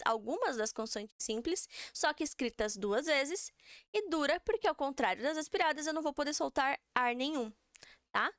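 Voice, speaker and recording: A woman's voice: high voice, no room sound, clean studio sound. A young Brazilian woman with a Brazilian Portuguese accent, teaching a beginner language lesson and patiently repeating syllables for students to copy.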